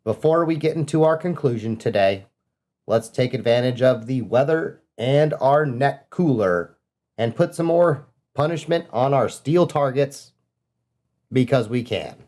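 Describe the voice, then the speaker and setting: A man's voice: mid-range voice, lively intonation, a little slow, darkish tone, no echo. A man with an Iowa accent hosting a casual outdoor shooting range video, rambling and correcting himself as he talks. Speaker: gun channel host. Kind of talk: casual range vlog with ammo test readouts.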